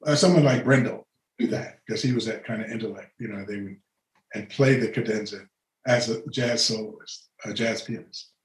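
This older man, a retired orchestral horn player interviewed as a guest, rambles through relaxed anecdotes, laughing often and starting sentences over. His voice is on the low side and moves at a moderate pace. The recording is rough and reverberant.

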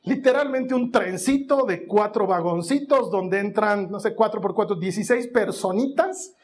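A man's voice: high-pitched, moderate pace, a little hiss or hum. A man preaching a sermon, telling a family story and acting out every voice in it. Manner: animated storytelling, acts out voices.

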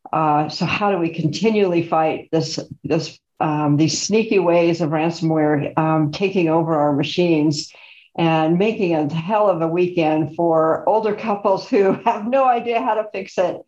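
A woman's voice: on the low side, measured pace, a little mellow. A woman co-hosting a casual panel chat, talking loosely and laughing in the middle of sentences. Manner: chatty, laughs mid-sentence. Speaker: co-host. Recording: roomy, dull lo-fi sound.

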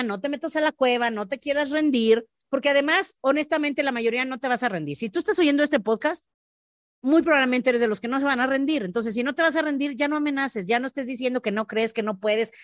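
A woman's voice: high-pitched, dry recording, clean studio sound. A woman with a Mexican accent hosting a motivational podcast, talking straight to the listener and acting out little scenes. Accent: Mexican Spanish. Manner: animated, acts out scenarios in quick voice shifts; speaks directly to listener with frequent "¿ok?" tags. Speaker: podcast host.

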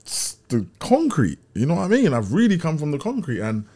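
A man's voice: on the high side, huge pitch swings, fairly quick, warm tone. A man with a South London accent telling stories casually as an interview guest, using street slang and often checking that he is understood. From Brixton, south London. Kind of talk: casual conversational storytelling.

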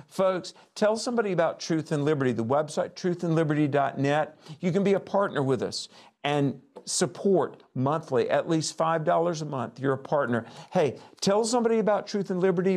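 A man's voice: fairly high pitch, animated, moderate pace, a little mellow. Preacherly male call-in show host.

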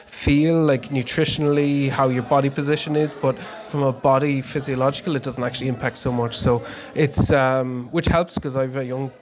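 A man's voice: medium pitch, steady tone, normal speed, hardly any pauses, crowd noise. A man in his forties from Connemara with a west of Ireland accent, chatting casually and hesitantly as an interview guest. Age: 40s. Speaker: interview guest, amateur endurance cyclist. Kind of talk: casual chat.

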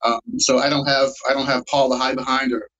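A man's voice: medium pitch, level tone, quick pace, bright, forceful tone, highs cut off. A man in his forties, a solo acoustic musician, chatting in a laid-back interview with lots of fillers and laughs, a bit congested from a cold. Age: 40s. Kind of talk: casual interview.

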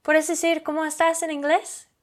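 A woman's voice: high-pitched, monotone, moderate pace. A woman whose first language is English, teaching an English lesson in careful, non-native Spanish.

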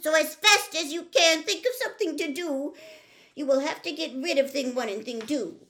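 A woman reading a storybook aloud, voicing a fussy male pet fish who scolds and frets in a high, loud, frantic voice. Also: normal speed. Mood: panicked. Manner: shrill scolding, frantic alarm.

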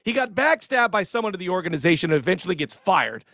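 High, gravelly-voiced man, dry mic. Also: sing-song, quick pace, bright, forceful tone, dry recording. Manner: wry, segment-introducing. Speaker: podcast host. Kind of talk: casual commentary on sermons.

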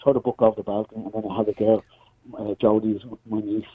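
Dublin male phone-in guest: husky, fast, even-pitched, casual and unpolished, tinny narrow line. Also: dry recording. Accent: Dublin Irish. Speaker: phone-in guest, community worker.

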